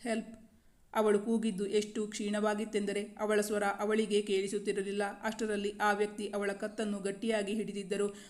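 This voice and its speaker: A woman narrating a romantic story in a steady, unhurried reading manner. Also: medium pitch.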